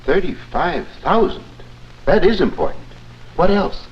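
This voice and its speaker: A man's voice: sits high, sing-song, measured pace. An actor playing a businesslike church committee man in a 1950s promotional film. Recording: muffled 1950s film soundtrack.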